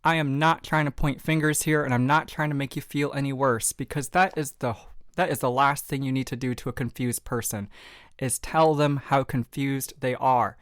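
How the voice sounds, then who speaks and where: Speaking in a mid-range, fairly bright voice at normal speed with fairly even intonation, a Southern American man hosts a motivational podcast monologue. He addresses the listener directly in an upbeat, encouraging, folksy tone, recorded in a clean studio with no room sound.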